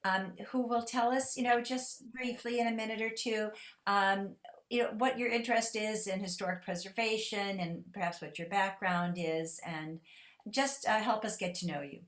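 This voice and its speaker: A woman's voice: medium pitch, steady tone, moderate pace, fairly bright tone. Woman, meeting host, courteous and hesitant introductions. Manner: polite, hesitant with fillers. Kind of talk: introducing speakers.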